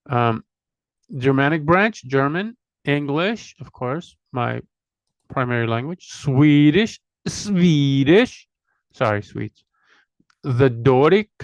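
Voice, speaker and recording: A middle-aged man runs a language channel, rambling casually from one item to the next and listing them one at a time while poking fun at himself. His voice is mid-range, and the recording is dry and low quality.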